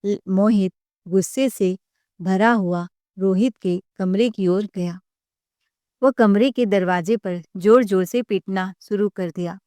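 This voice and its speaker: A woman telling a scripted family drama story in an even, dramatic storytelling manner. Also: medium pitch, takes it slowly, no echo.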